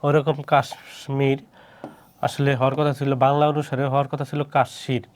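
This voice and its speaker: A man's voice: medium pitch, monotone, brisk, a little hiss or hum. A man, teaching pronunciation rules and asking himself rhetorical questions as he walks through repeated example words. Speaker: Bengali language teacher. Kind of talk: explaining pronunciation rules to students.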